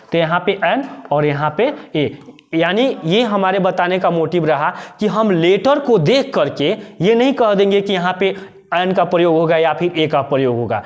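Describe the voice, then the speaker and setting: A man teaching an English grammar lesson, explaining step by step and answering his own questions. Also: a little high. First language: Hindi.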